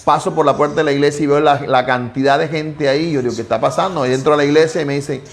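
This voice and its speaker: A man's voice: a little high, steady tone, quick pace. A man, a pastor preaching a devotional sermon and telling a personal testimony with emphatic repetition. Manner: emphatic storytelling with heavy repetition.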